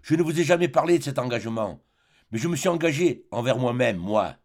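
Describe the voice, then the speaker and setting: A man's voice: medium pitch, lively intonation, a little fast, a little mellow. A man reading an audiobook, voicing a jealous, possessive spinster woman in her forties who pleads and reproaches. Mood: reproachful.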